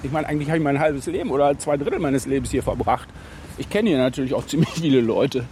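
A man's voice: mid-range voice, fast talker, darkish tone. A middle-aged or older man chatting casually and reminiscing, as a long-time regular of the place. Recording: outdoor recording with faint noise.

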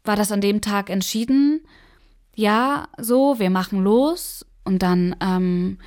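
An actress playing a young woman activist in her twenties in a verbatim documentary radio drama, speaking haltingly with many pauses and fillers. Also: medium pitch, a little mellow, natural voice. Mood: earnest. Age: 20s.

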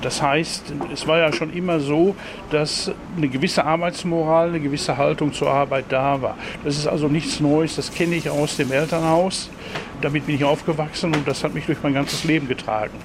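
A man's voice: fairly high pitch, steady tone, normal speed, background noise. A man in his sixties from Dortmund, answering interview questions thoughtfully with some hesitant fillers. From Germany, Dortmund. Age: 60s. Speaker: interviewee, meat counter worker.

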